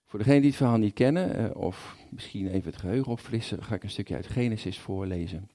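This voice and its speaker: A man's voice: lowish voice, fast, warm tone. A man giving a conversational sermon, informal and thinking aloud, often repeating words as he goes. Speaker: preacher.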